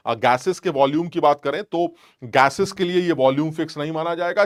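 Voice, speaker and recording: Male tutor, slightly high voice, brusque and emphatic, informal class lecture. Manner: scolding, emphatic, plays both teacher and student. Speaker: chemistry teacher.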